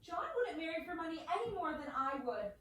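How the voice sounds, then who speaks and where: A proud, earnest young woman , acted by a woman, speaks politely but with spirit in period-drama style. Her voice is high, heard from a distance in a very echoey room with faint noise. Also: lively intonation, quick pace, a bit bright. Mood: indignant.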